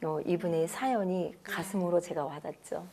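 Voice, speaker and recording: Low gravelly woman pastor co-hosting. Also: moderate pace, crowd noise. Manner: warm affirming, frequent "ne" backchannels. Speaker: pastor and co-host.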